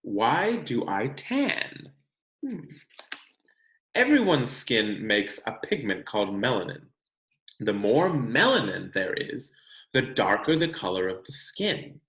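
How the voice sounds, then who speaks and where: A medium-pitched American man from California, a teacher hosting a read-aloud, reads a picture book to children with lively, expressive intonation and deliberate storyteller phrasing, dropping in casual asides. The room he's in gives the audio a clear echo.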